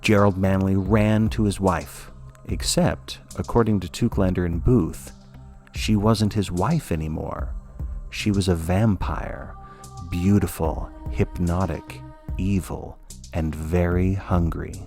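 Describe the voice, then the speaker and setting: A man with a very low voice tells a spooky story in a scripted, measured way, with a dry, wry edge. Quiet music plays softly under his narration. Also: fairly even intonation. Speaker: podcast narrator.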